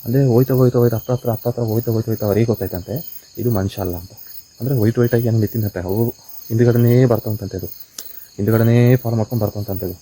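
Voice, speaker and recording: A man telling a ghost story and exploring an abandoned house at night for his vlog, repeating words and shouting "hey" when something moves. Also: medium pitch, racing, slight background noise, poor audio. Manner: repetitive storyteller, excited calls of "hey" when startled. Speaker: vlogger exploring a haunted house. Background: crickets and insects.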